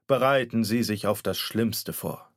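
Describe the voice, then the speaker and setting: A man voicing a solemn, hesitant family doctor who speaks slowly and haltingly. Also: on the low side, no echo, clean studio sound, lightly acted. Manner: slow, grave, halting.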